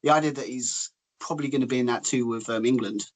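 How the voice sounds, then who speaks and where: A man rattles through his points at a quick clip, his voice sitting in an ordinary middle register. He rambles and hedges, circling back over his own sentences in a relaxed football debate. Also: mid-range voice, slight background noise. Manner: rambling, piles up restarts and hedges. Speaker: podcast co-host.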